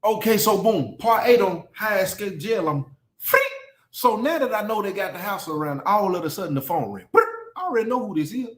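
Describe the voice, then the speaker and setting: High-voiced animated storytelling man. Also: fairly quick. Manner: animated, loud bursts, repeats phrases. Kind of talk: comedic storytelling. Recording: roomy echo.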